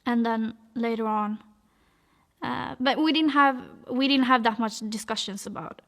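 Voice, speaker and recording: A woman's voice: on the high side, unhurried, a bit bright. A young woman from Norway telling her life story in a casual, hesitant way, with many fillers and restarts. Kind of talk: personal testimony, casual.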